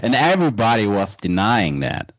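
A man hosting a podcast in casual chat, relaxed and quick to laugh. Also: fairly low pitch, dry recording, lo-fi sound. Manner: relaxed, laughs often, quick affirming "mm" and "yeah". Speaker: podcast host.

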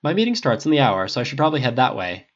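A man's voice: medium pitch, very animated, very fast, lightly acted. A man voicing a cocky, impatient male billionaire who talks in a sarcastic, clipped way, on a dull lo-fi recording. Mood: snarky, irritated.

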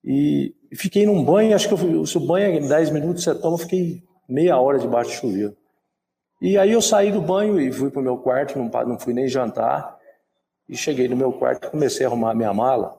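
A Brazilian man in his sixties, a former footballer, telling stories in an interview with lively, repetitive phrasing. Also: medium pitch, a little fast, vocal fry, a little hiss or hum. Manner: lively storyteller who acts out quoted dialogue and repeats words. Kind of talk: storytelling in an interview.

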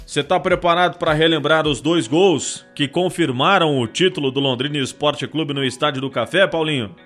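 A Brazilian man with a somewhat high voice works as interviewer. He puts prepared questions to his guest, with faint music underneath. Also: normal speed, a bit bright.

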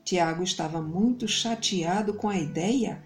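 A Brazilian woman speaking as a kids show host, telling stories to small children in an animated, sing-song way. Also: lowish voice, unhurried, soft background music.

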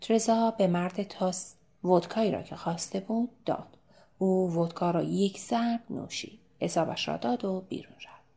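A woman narrating a novel in a measured, even reading. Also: medium pitch, vocal fry. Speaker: audiobook narrator. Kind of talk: scripted narration.

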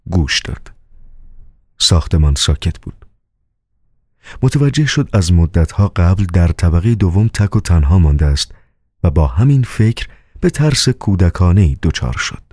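A man reading an audiobook novel with calm, measured storytelling. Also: low-pitched, breathy edge, no echo, studio quality. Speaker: audiobook narrator. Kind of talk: scripted narration.

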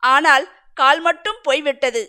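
Storybook role: loyal injured warrior husband, pleading and earnest, voiced by a high-voiced woman. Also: moderate pace, pushed and bright. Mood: tender. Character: wounded brave village warrior husband.

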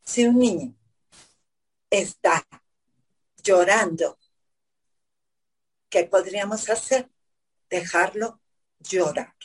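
A woman psychotherapist, explaining calmly step by step in an interview, often asking herself questions. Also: medium pitch, extremely slow, pauses often, husky, poor audio. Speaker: psychotherapist guest.

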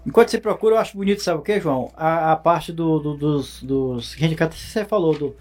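A man's voice: fairly high pitch, fast, a little mellow. Eager man chiming in. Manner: eager, chimes in and finishes the other's sentences. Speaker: interviewer and cordel writer. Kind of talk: casual conversation.

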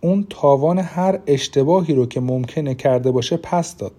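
A man reading an audiobook, voicing a loyal, defiant young prince who speaks loudly and indignantly. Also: on the high side, pitched above the performer's own voice, natural voice. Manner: loud, indignant.

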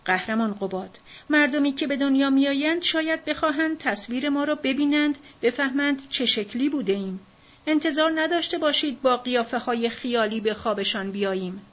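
A woman reading the lines of a commanding older woman in an audiobook, speaking emphatically and a little louder than the narration. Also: medium pitch, steady tone. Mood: insistent. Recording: dull lo-fi recording.

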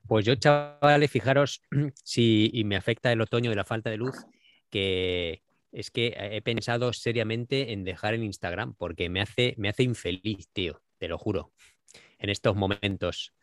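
Spanish guy, low voice, swears a lot and just vents, super dry sound. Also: normal speed, no echo. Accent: Spain Spanish. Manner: frank, swears, complaining. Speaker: podcast co-host. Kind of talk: casual chat.

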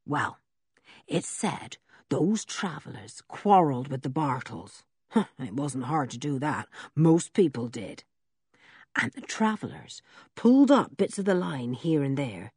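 A woman voicing an old male village blacksmith who tells a story slowly and in a rustic way, with a husky voice. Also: sits low, sing-song, darkish tone, no room sound, clean studio sound, heavily acted. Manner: slow, drawn-out, rustic storytelling. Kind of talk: audiobook character reading.

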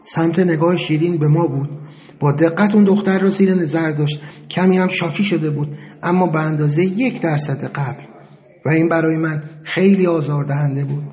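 A man narrates a first-person audiobook story, his voice sitting fairly high. He tells it steadily and reflectively, in an even storyteller's way.

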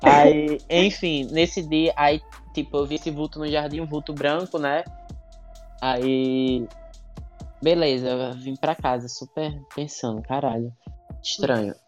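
A man's voice: fairly high pitch, fairly even intonation, slow pace. A man telling a ghost story in a rambling, casual way, with many fillers and some laughter, as a guest on a podcast. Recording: dull lo-fi sound with faint music.

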